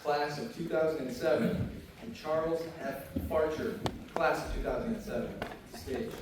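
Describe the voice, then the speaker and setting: A man's voice: a little high, normal speed. A man acting as master of ceremonies, casually calling names to the stage. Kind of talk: ceremony announcements. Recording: echoey hall from far off, noisy.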